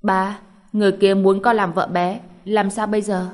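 A woman's voice: medium pitch, level tone, normal speed, darkish tone, natural voice. A woman voicing a spoiled, playful young girl who is clingy and sly, with a whiny pleading tone. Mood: coaxing.

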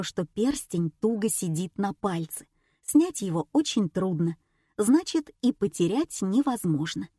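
Woman narrating an audiobook, lively and ironic, dry close mic. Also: mid-range voice, no echo.

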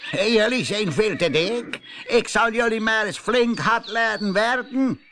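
A man's voice: high-pitched, measured pace, slight background noise, pitched above the performer's own voice, heavily acted. Teun Kreun, a man doing a harsh mean farmer. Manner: harsh scolding shouts. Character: mean skinny farmer who never laughs. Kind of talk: storybook reading.

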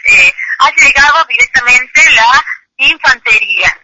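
A woman's voice: high-pitched, lively intonation, unhurried. A woman, calling in as an activist and giving testimony hesitantly, with many fillers. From Chilecito, Argentina. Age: 30s. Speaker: activist caller. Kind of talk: phone interview testimony. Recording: muffled noisy phone line.

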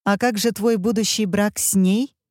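A woman reading an audiobook, voicing an English heroine who speaks in halting, broken grammar. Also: medium pitch, steady tone, a little mellow, no echo, clean studio sound, voice pushed up, lightly acted. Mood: determined.

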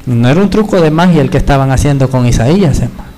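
A man's voice: animated, quick pace, poor audio. A male pastor preaching a sermon, addressing the congregation as brothers and asking constant rhetorical questions. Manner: emphatic, with shifting pitch and loudness.

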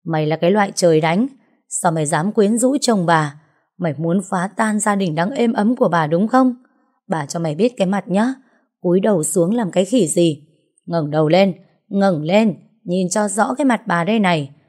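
A woman's voice: on the low side, moderate pace, warm tone, close to an everyday voice. A woman narrator voicing a furious, heavyset middle-aged wife who hurls insults in an audiobook story. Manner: screeching insults, theatrical wailing.

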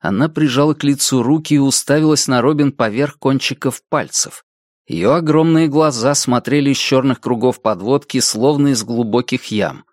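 A man narrates an audiobook in a measured, even storytelling style, delivering scripted narration. His pitch is medium, and the clean studio recording has no room sound.

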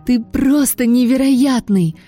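A high, bright-voiced young girl, brave and quick to protest, as a woman reading the story puts her on. Her lines leap up in pitch over a soft, mellow tone and faint music. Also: lively intonation. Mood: relieved.

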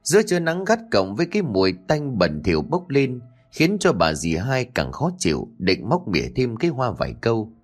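A man narrating a scripted horror story in a lively, expressive way. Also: medium pitch.

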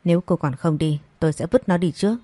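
A woman's voice: fairly low pitch, fast talker, dark tone, breathy edge, no room sound. A woman voicing a harsh, domineering older mother-in-law in an audio story, speaking in a cold, commanding way.

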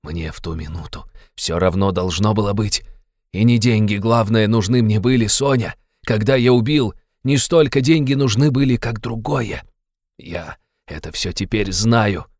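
A man's voice: lowish voice, normal speed, a little mellow, no echo, clean studio sound, pitched above the performer's own voice. A man reading an audiobook, playing a tormented young man who confesses in a brooding, agitated way. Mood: feverish confession. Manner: brooding, agitated, bitterly insistent.

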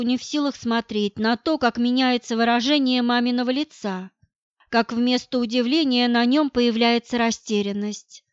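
A woman narrating a story in scripted, measured storytelling, in a dull, dry recording. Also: a little high, no room sound. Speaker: audiobook narrator.

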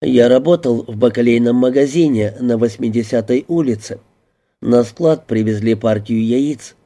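A man's voice: mid-range voice, normal speed, warm tone, close to an everyday voice. A man voicing a nervous, unemployed young male suspect who pleads and denies under questioning. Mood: plaintive. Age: young adult. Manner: defensive, pleading.

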